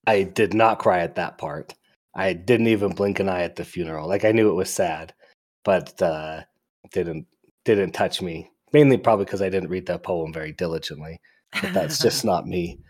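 A man co-hosting a casual book discussion podcast, retelling scenes with lively energy and acting out the characters' lines. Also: deep voice, moderate pace. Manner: animated storyteller, acts out characters' lines. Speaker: book club podcast co-host. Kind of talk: casual chat.

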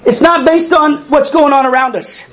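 A man's voice: very high-pitched, steady tone, moderate pace, fairly bright tone, rough recording. A man in his fifties with a wheezy voice, preaching conversationally and emphatically, repeating key phrases and putting questions to his listeners. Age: 50s. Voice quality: wheezy breathing from a past tracheotomy. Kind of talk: animated conversational sermon to a congregation.

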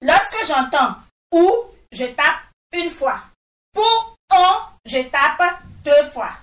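Female primary teacher, high bright voice, patient and measured, repeats answers; recorded off-mic in a classroom. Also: big pitch swings, distant mic. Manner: patient, repeats each answer back and praises. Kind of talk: slow, deliberate classroom instruction. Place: classroom with pupils. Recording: echoey room, voice off-mic.

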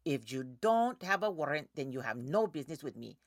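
A woman's voice: sits low, sing-song, brisk, no echo, studio quality. An actress playing a stubborn woman who refuses to open her door, curt and defiant. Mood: firm.

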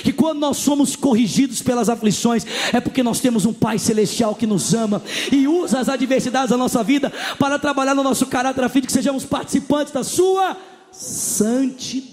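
A male pastor with a Brazilian accent preaching a sermon, emphatic and joking, rising to shouts at high points. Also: a little fast. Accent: Brazilian Portuguese. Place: church hall. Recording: long reverb in a large hall.

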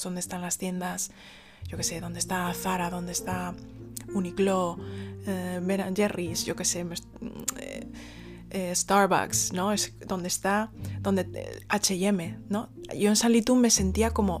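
Chatty woman rambling. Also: medium pitch. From Spain. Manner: chatty, rambling with many fillers and restarts. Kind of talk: casual storytelling.

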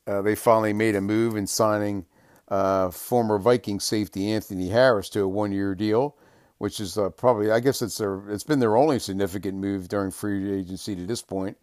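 An older man hosting a casual sports podcast, talking in a relaxed, rambling way with lots of "uh" fillers. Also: on the low side, no echo, clean studio sound. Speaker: podcast host.

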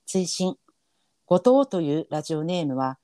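A man's voice: on the high side, normal speed, mellow, dry recording, studio quality. A man with a Kansai accent co-hosting a podcast, reading a listener's letter aloud and then laughing and apologizing. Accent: Kansai Japanese. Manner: earnest reader, then giggly and apologetic. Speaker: podcast co-host.

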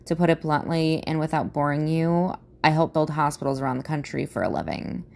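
A woman's voice: deep voice, fairly quick, vocal fry, a little mellow. A thirty-year-old Midwestern American woman with a valley girl way of talking, casually introducing herself as a solo podcast host into her phone. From Midwestern US, suburbs of Chicago.

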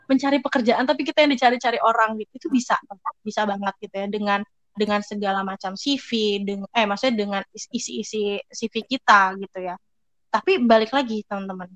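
A young woman giving casual career advice in a chatty, quick way, acting out little quoted thoughts. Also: a little high, fairly bright tone, no room sound. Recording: dry, slightly dull lo-fi sound.

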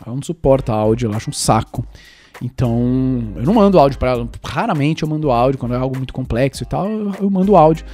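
A man's voice: mid-range voice, animated, quick pace, darkish tone. A man giving casual advice as a podcast host, emphatic and full of rhetorical questions and playful sound effects.

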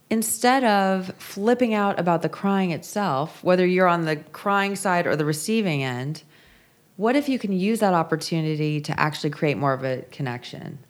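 A woman author talking through her ideas in an interview, earnest and reflective. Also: deep voice. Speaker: author and guest. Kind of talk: conversational interview.

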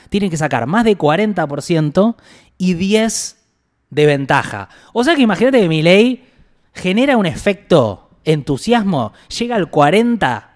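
An Argentine man with a slightly high voice talks politics in a loose, casual chat. He sounds blunt and exasperated and swears without holding back. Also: darkish tone. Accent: Argentine Rioplatense Spanish. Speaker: political podcast co-host.

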